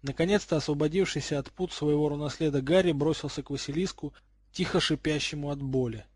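A man reads a storybook aloud in a steady, expressive way. His voice is fairly high and husky. The recording is dry and close, with no room sound. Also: fast talker, dry recording. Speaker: audiobook reader. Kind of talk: storybook narration.

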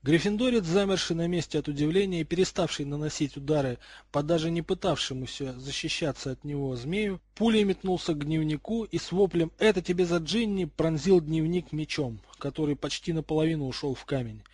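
A man reads a storybook aloud in a steady, expressive way. His voice is fairly high and husky. The recording is dry and close, with no room sound. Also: fairly quick, no echo. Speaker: audiobook reader. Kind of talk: storybook narration.

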